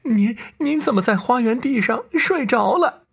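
A man voicing a worried middle-aged lady of the house, speaking high and urgent. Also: animated, normal speed, vocal fry, a bit bright, slightly rough, exaggerated voice. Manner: high-pitched, urgent pleading.

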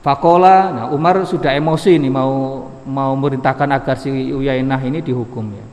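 A man teaching a classical religious text, chanting word-by-word glosses and then explaining in relaxed, conversational asides. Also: medium pitch, moderate pace. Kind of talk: classical text study lesson. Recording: long reverberant hall.

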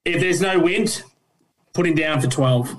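Relaxed young Australian guest. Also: male voice, a little high, a little slow, rough recording. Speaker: podcast guest. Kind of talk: casual footy tipping chat.

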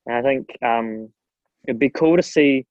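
Young male, broad Kiwi accent, mid-pitched, earnest and slangy interview guest. Dry, slightly muffled sound. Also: unhurried, darkish tone, dry recording. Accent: broad New Zealand. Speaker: strength and conditioning coach, guest. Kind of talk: casual interview chat.

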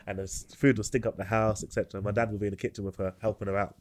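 A young man with a London accent, chatting casually in a slangy, halting way. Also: lowish voice, flat delivery. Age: young adult. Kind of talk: casual group chat.

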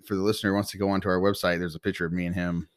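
Laid-back low-voiced male co-host. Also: level tone, racing, a little hiss or hum. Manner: laid-back, swears casually, chimes in with jokes. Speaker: podcast co-host. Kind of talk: casual chat.

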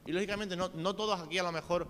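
A man with a Spain Spanish accent delivers a sermon in an earnest, direct way, asking his listeners questions. His voice sits a little high for a man. The hall around him rings with a long reverb, and a faint hum runs underneath. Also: steady tone, quick pace, fairly bright tone. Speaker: preacher. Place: church hall.

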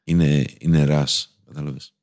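A man's voice: very deep voice, fairly even intonation, a little mellow. A man co-hosting a comedy podcast, dropping dry joking asides. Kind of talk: casual podcast chat.

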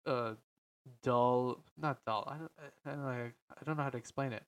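Deep, slightly stuffy-voiced male podcast host. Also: normal speed. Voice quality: slightly stuffy, nasal sound. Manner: hesitant, rambling, self-correcting, frequent "like". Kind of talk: casual unscripted podcast talk about games and films.

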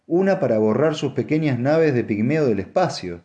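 A man's voice: lively intonation, moderate pace, mellow, dull audio, lightly acted. A man reading an audiobook and voicing a haughty, scheming noblewoman with a cold, cutting manner. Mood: heated. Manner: cutting, mocking, rising to shrill insistence.

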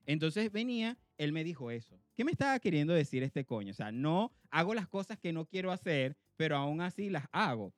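A man with a Venezuelan Spanish accent from Zulia, co-hosting a podcast and telling a story in casual chat, animated and laughing often. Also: a little high, fairly quick, hardly any pauses, no room sound. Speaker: podcast co-host.

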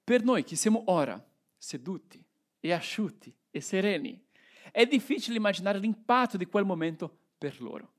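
A man's voice: high-pitched, animated, moderate pace. A man preaching a sermon. He reads Bible passages aloud and then explains them, asking reflective rhetorical questions.

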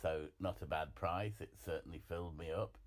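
A man's voice: low-pitched, steady tone, a little fast. A man giving a casual spoken food diary in a wry, rambling, self-mocking way. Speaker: vlogger. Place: chip shop café. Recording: loud background noise.

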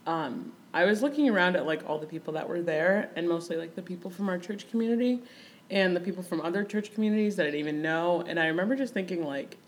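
A 21-year-old woman from Kenya, raised in Michigan, chatting as a podcast guest, full of fillers and quick laughs. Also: fairly low pitch. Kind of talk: casual podcast conversation.

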